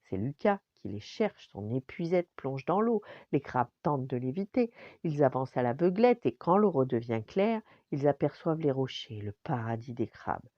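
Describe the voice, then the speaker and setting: An older woman reading a bedtime story in a lively, expressive way. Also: a bass voice, moderate pace, no room sound, dull audio. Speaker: storyteller grandmother.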